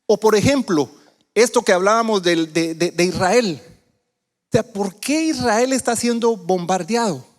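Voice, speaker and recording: A man's voice: high voice, unhurried, big-room sound. A man from Guatemala preaching a sermon as a visiting speaker, talking conversationally and putting questions to the congregation. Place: church sanctuary.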